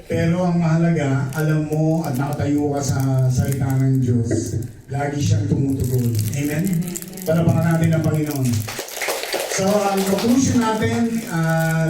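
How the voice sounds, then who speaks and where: Slow-preaching pastor in echoey church. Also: male voice, a little high. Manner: slow, calls for "Amen" responses. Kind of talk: sermon. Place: church hall. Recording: echoey hall from far off. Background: congregation.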